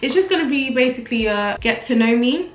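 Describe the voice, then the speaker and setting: In an echoey home room, a twentysomething Nigerian vlogger with a British accent talks briskly and expressively in a high voice as she preps at the mirror. Her casual chat is candid and full of self-deprecating jokes.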